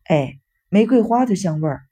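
A woman reading a kind, soft-spoken man. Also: mid-range voice, animated, normal speed, breathy edge. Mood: gentle. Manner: soft, quiet speech. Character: kind, gentle grown man. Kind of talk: audiobook narration.

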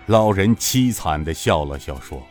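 A man narrating an audiobook with an expressive storytelling delivery. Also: sits low, unhurried, faint music behind. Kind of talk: audiobook narration of a martial-arts novel.

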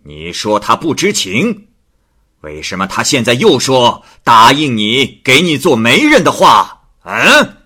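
A stern magistrate of old China, voiced by a male storyteller interrogates in a loud, drawn-out way. The voice is bright yet husky, with pitch that leaps widely. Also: sing-song, exaggerated voice. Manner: barks questions, drawn-out threatening delivery.

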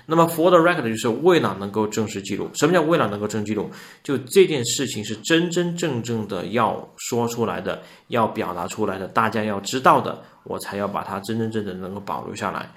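A man's voice: lowish voice, expressive, fairly quick, few pauses. A man teaching an online English lesson, patiently explaining and asking his students rhetorical questions. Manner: patient, repeats points, asks the class rhetorical questions.

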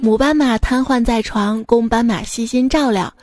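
A woman telling short animal jokes in a playful, lively storytelling manner. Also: a little high, normal speed, music in the background. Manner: playful, lively, giggling at punchlines. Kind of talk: joke storytelling.

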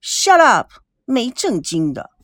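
A woman voicing a flustered, quick-tempered young woman who scolds sharply, with a lively delivery in a dry recording. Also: a little high, dry recording, full character voice.

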